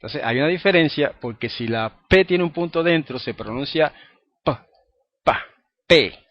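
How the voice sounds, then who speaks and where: A man's voice: a little high, animated, a little fast. Patient Spanish-speaking male teacher. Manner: explains patiently, checks in with "¿ok?" and "¿verdad?". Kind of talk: recorded lesson. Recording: dry, dull lo-fi recording.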